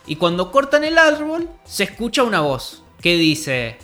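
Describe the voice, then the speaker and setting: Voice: medium pitch, huge pitch swings, a little slow, pushed and bright, soft background music. A storyteller with a Rioplatense accent retelling a tale in a casual, joking, slangy way. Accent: Rioplatense Spanish. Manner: slangy, joking, with frequent restarts and laughter.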